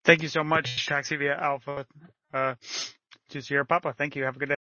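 A man's voice: a little high, steady tone, a little fast, bright, forceful tone, no room sound, dull audio. A man pilot making hesitant, polite calls to air traffic control over an aircraft radio, with many fillers. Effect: heard over an aircraft radio.

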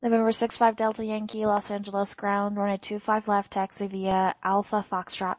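A woman giving clearances as an air traffic controller in clipped aviation phraseology. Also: mid-range voice, completely flat delivery, normal speed, dry recording, muffled recording.

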